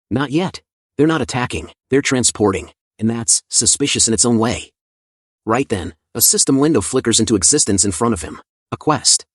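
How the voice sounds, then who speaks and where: A man's voice: mid-range voice, breathy edge, dry recording, studio quality. A man narrating a comic story recap in a casual, conversational scripted style with chatty asides.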